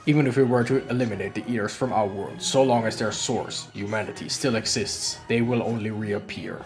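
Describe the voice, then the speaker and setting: A streamer voicing Omnimon, a grave armored knight guardian, in a forced, strained deep voice with a formal, measured way of explaining. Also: steady tone, a little mellow, faint music behind, lightly acted. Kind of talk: game dialogue read aloud.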